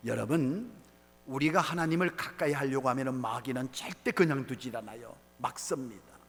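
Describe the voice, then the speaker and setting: A middle-aged man, a pastor, preaching a sermon in a large church sanctuary, rising to shouts and dropping to quiet asides. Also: mid-range voice, moderate pace. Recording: long hall reverb.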